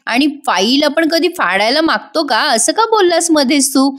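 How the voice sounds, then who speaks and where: A woman voicing a caring young wife who pleads and coaxes softly. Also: high voice, lively intonation, moderate pace, pitched above the performer's own voice. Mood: coaxing. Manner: pleading, coaxing.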